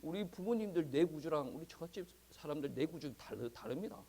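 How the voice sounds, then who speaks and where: A male pastor preaching a sermon in a conversational, animated way, often chuckling. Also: on the high side, fairly quick. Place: church.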